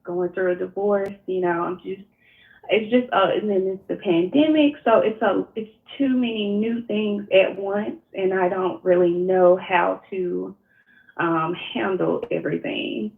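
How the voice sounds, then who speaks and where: A woman's voice: mid-range voice, steady tone, unhurried, vocal fry. A woman with a Mississippi accent speaking hesitantly and personally as a caller seeking coaching, searching for her words. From Mississippi, United States. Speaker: call-in coaching client. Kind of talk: personal, unscripted phone conversation. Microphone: phone call. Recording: tinny narrow-band phone line.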